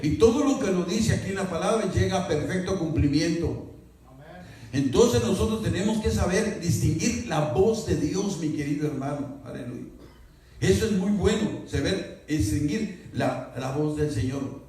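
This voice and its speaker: A pastor preaching an emphatic, slow sermon and praying aloud to his congregation. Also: a little high, darkish tone. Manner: prayerful, slow and emphatic, acts out quoted voices. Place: church sanctuary. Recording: very echoey church hall from far off.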